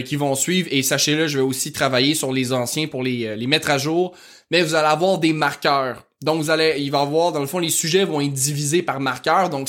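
A man with a rural Quebec French accent hosting his own podcast, talking fast and excitedly and piling on information. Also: fairly high pitch. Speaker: podcast host. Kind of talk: casual solo podcast talk.

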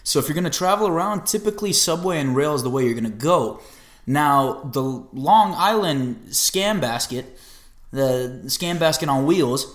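A man co-hosting a podcast, chatting casually in a laid-back, slangy way and telling stories with lively energy. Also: on the high side, moderate pace. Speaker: podcast co-host. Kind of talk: casual chat. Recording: roomy echo.

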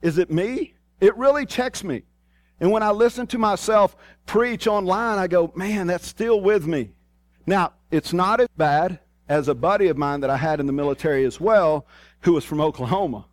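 With a high-pitched voice at normal speed, this preacher delivers his sermon in a folksy, plain-spoken style, his Southern hillbilly accent carrying a country twang. He drives points home by repeating key phrases, and there's no echo.

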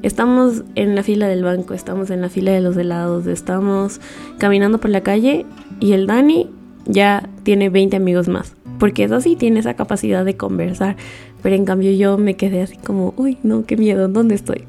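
A young woman with a warm, mellow voice and a gravelly edge recounts a personal experience, slipping into her past thoughts as little quoted scenes. Faint music plays softly behind her. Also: medium pitch, moderate pace. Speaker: storyteller. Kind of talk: personal storytelling.

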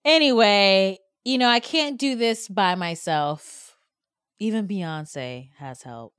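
A woman's voice: mid-range voice, expressive, slow pace, fairly bright tone, clean tone, no echo. A woman hosting a podcast in a studio, chatting in a playful, jokey way and laughing often. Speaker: podcast host. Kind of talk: casual comedic chat.

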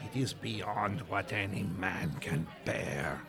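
A man's voice: medium pitch, very animated, takes it slowly, creaky, music in the background, full character voice. A man voicing a haughty French head waiter with a fussy put-on accent.

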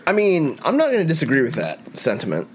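A man's voice: fairly high pitch, huge pitch swings, fast talker, slight background noise. Joking man co-hosting a podcast. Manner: dry, joking, reads out his own headlines. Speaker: podcast co-host. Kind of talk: casual chat.

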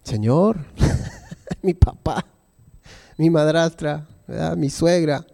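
A man's voice: a little high, extremely slow, vocal fry, warm tone. A man preaching a conversational sermon, acting out voices of Bible figures and joking about himself. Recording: hall reverb.

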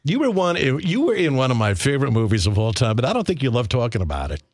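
A man's voice: mid-range voice, very animated, fast talker, no echo, studio quality. A man hosting a radio show, chatting casually as he interviews his guest. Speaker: radio host. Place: radio studio.

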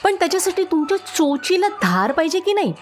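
A woman's voice: very high voice, big pitch swings, a little fast, soft background music, pitched above the performer's own voice. A woman voicing a sly, fat trickster frog who giggles and teases, in a children's storybook tale. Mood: teasing. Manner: cheeky, giggling, teasing.

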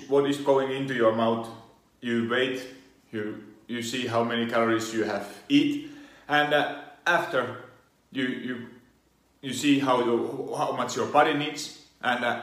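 A man with a Finnish accent, an online fitness coach explaining things in a halting way with many fillers and restarts. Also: mid-range voice, a bit bright, echoey room. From Finland. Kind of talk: explainer monologue.

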